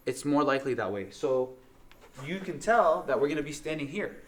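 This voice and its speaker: Slightly high and expressive, this man's voice moves at a brisk clip. As an instructor showing off audio gear, he runs a relaxed hands-on tutorial, breaking things down step by step in simple language and going back over the important points.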